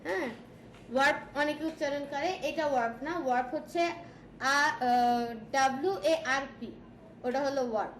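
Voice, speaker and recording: Female tutor with a Bangladeshi Bengali accent, high pitch, quizzes the class as she goes; roomy recording with audible noise. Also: brisk. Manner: checks in often with questions to students. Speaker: design tutor. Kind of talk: classroom software lesson. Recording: echoey room with background noise.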